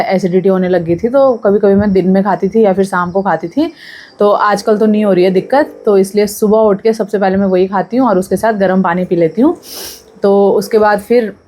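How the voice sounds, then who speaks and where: A woman's voice: medium pitch, dark tone. A young pregnant woman chatting casually to camera in a vlog, talking freely and drifting off topic. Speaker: vlogger.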